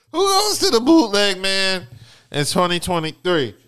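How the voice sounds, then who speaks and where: A young adult man co-hosting a podcast in casual chat, telling stories in an animated, profane way. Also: high voice, clear, resonant tone, no room sound, clean studio sound. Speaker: podcast co-host.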